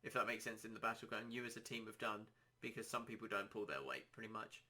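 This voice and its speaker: Bright-voiced man rambling about gaming. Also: on the low side, steady tone, quick pace. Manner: rambling, self-deprecating, easygoing. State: dry throat, slightly hoarse. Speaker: podcast host. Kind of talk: casual solo podcast chat.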